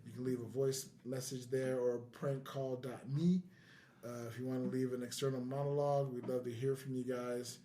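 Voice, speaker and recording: Sitting indoors with co-hosts, this middle-aged podcast host keeps the chat casual, cracking jokes and cutting himself off mid-thought. His voice is mid-range and mellow, with a level tone and normal speed.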